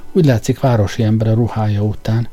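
A man reading the lines of a worried old farm mother in a storybook, in an earnest voice with a dark tone. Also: lowish voice, fairly even intonation, soft background music, lightly acted. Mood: anxious.

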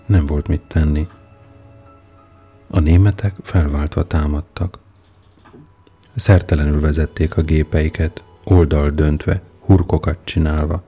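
A man narrating a first-person story as an audiobook reader, in a measured, unhurried manner. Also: very deep voice, warm tone, breathy edge.

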